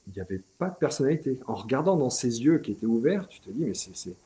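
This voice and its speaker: The interview guest, a middle-aged man speaking French, talks at a quick pace in a mid-range voice. His manner is easygoing and conversational yet hesitant, full of restarts, little fillers and "tu vois".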